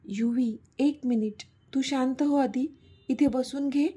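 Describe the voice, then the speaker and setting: A woman's voice: sits high, fairly even intonation, slow pace, husky, exaggerated voice. Woman reading as a protective young lover. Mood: worried. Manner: soft and pleading, then stern. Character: young man, lover, protective and quick to anger.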